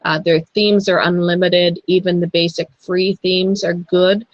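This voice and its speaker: A woman's voice: lowish voice, level tone, a little slow, no echo. A woman co-hosting a casual online chat, giving earnest advice and repeating her warnings, heard over a video call. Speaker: co-host. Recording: dull lo-fi online call audio.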